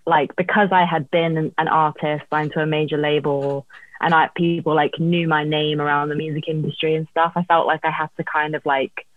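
A woman's voice: deep voice, flat delivery, fairly quick, no room sound. Woman on a thin, phone-like line. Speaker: songwriter being interviewed. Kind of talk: casual chat, telling career story. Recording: thin, dry phone-like call audio.

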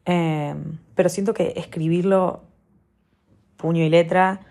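A woman's voice: lowish voice, fairly even intonation, slow, gravelly, a little mellow. A young woman with a Rioplatense Spanish accent, talking candidly to camera in a rambling, repetitive way as she gives advice. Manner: candid, rambling, repeats phrases for emphasis. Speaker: vlogger giving advice. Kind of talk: casual confessional talk to camera.

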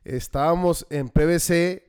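Young Mexican co-host, somewhat high, playful and self-mocking. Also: male voice, a little slow, darkish tone, smooth. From Matamoros, Mexico. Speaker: podcast co-host. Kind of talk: casual podcast banter.

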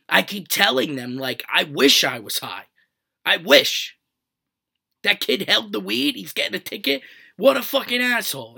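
Gravelly, sharp-voiced man telling a story. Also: a little high. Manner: exasperated, swears freely, acts out dialogue. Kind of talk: profane storytelling monologue.

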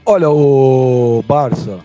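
A man in casual chat as co-host, an excitable storyteller who exclaims and repeats himself. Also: medium pitch, extremely slow, soft background music.

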